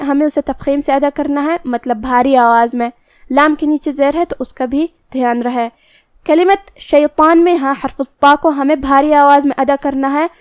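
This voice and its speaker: A woman's voice: sits high, no echo, studio quality. A woman teaching Quran recitation, carefully explaining how each letter is pronounced, step by step. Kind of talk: tajweed pronunciation lesson.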